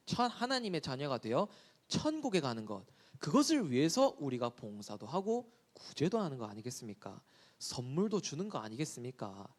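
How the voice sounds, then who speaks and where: A man preaching a sermon to children, asking them questions and answering himself, slowing down when he quotes scripture. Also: fairly high pitch.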